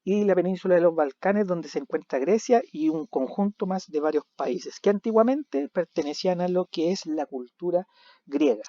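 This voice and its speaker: A man teaching a recorded video lesson, animated, asking questions and answering them himself. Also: sits high, moderate pace, dry recording. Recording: dull lo-fi recording.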